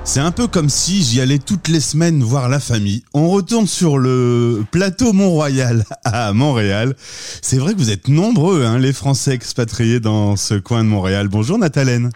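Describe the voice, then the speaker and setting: A man's voice: medium pitch, lively intonation, normal speed, a little mellow, dry recording, faint music behind. A French man hosting a podcast interview, asking friendly questions. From France. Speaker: podcast host.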